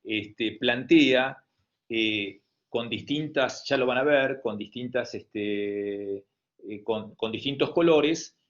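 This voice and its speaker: Speaking slowly in a mid-range voice, this Argentine-accented man gives a medical lecture online. His delivery stumbles with fillers and false starts, captured through a video call in muffled, low-fidelity sound.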